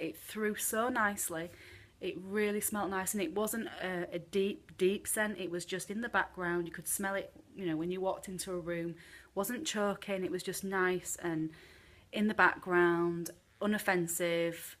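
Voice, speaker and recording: Her lowish, slightly bright voice carries a British accent and a little chestiness from a cold. She's reviewing candles in a chatty, frank way with many ums, in a home room where candles are burning.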